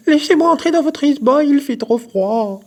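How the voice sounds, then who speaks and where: A chilly little rabbit, as a male storyteller puts him on, yelps and pleads in a high, thin voice. He begs slowly and sweetly to be let in. It is a storybook voice. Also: expressive. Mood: begging. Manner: yelping, then small begging voice.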